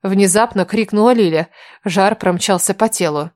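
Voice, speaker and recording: A woman reading a first-person story aloud in steady scripted narration. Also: mid-range voice, normal speed, no echo, clean studio sound. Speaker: audiobook narrator.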